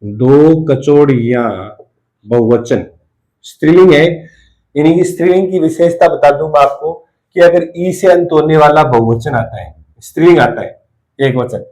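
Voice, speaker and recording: A man's voice: a little high, expressive, normal speed, a little mellow, rough recording. A man teaching a Hindi grammar lesson for exam preparation, repeating key terms and drilling example sentences one by one.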